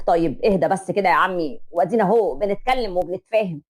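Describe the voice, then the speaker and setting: A woman voicing a young husband with an Egyptian accent, trying to calm things down in a placating way. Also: fairly low pitch, fast talker, voice pushed down, close to an everyday voice.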